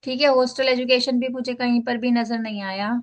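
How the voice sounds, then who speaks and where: A woman's voice: on the high side, steady tone, brisk. A woman teacher walking students through a tax filing form step by step, mixing English phrases into Hindi and checking in often. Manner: explains step by step, repeats "ठीक है" to check in. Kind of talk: screen-share tax filing lesson.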